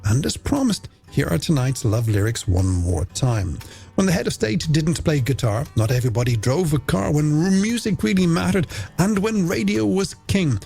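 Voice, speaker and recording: Chatting with listeners in a playful, direct way, a man presents a late-night music program broadcast over a music bed. His slightly high voice is expressive and creaky with a darkish tone, at a moderate pace.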